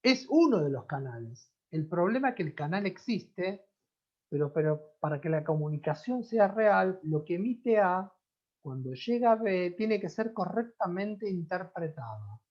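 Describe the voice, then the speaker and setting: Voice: medium pitch, big pitch swings, a little slow. A teacher with a Rioplatense Spanish accent giving an online class in a conversational way, often checking in with the students. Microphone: computer mic on a video call. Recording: dull lo-fi video-call audio.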